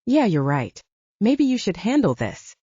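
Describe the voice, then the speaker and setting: A woman's voice: medium pitch, very animated, unhurried, dark tone, breathy edge, no echo, muffled recording. Woman reading a teasing, stubborn wolf-shifter heroine. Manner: teasing, playful.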